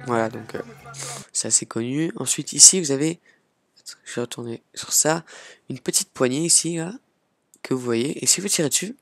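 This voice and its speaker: A man casually hosting a software tutorial, chatting along as he clicks and filling pauses with little "hop" and "voilà" sounds. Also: mid-range voice, creaky, no echo. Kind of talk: casual screen-recorded tutorial.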